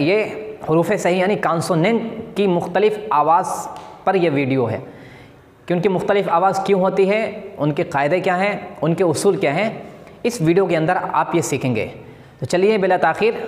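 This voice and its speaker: एक पुरुष शिक्षक बोर्ड पर सबक समझाते हुए, धीरे-धीरे और हर मिसाल के शब्द को कई बार दोहराते हुए।. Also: male voice, high voice. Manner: slow, repeats example words several times. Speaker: English teacher. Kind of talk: classroom lesson at a board. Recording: echoey room with long reverb.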